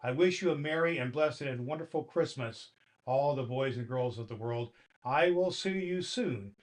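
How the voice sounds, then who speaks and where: A man playing jolly old Santa Claus as a kindly grandfatherly storyteller, reading to children with deliberate, theatrical emphasis. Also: medium pitch, close to an everyday voice, poor audio. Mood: kindly, warm.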